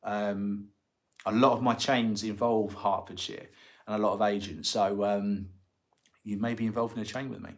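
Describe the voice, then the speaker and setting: Low-voiced Essex man chatting on livestream. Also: steady tone, normal speed. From Essex, England. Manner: informal, chatty, colloquial. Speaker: livestream host and estate agent. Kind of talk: casual livestream chat answering viewers' comments.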